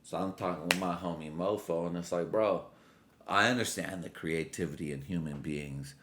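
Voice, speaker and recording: A man's voice: sits low, moderate pace, background noise. A man in his late twenties on a drunk, loose, rambling casual solo rant, full of slang and swearing. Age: late 20s. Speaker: vlogger.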